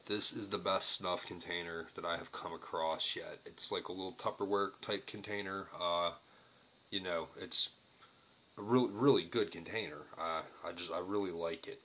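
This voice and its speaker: A man's voice: deep voice, sharp tone, a little hiss or hum, low-quality recording. A man giving a casual, unscripted product review to camera, plain-spoken and casually profane.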